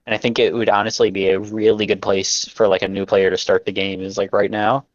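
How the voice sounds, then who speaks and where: An eager man rambling about games on a casual live stream, laughing often. His voice sits a little low, and the audio is dull and lo-fi. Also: fairly quick. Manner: excited, rambling gamer talk with frequent laughs. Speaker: gaming podcast co-host.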